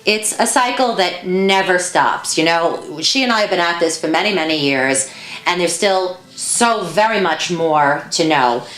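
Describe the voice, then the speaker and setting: A woman's voice: on the low side, animated, unhurried, fairly bright tone, echoey room, distant mic. A woman co-hosting a show, chatting casually and encouragingly as she demonstrates a recipe in a home kitchen, often checking in with "okay?". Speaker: co-host.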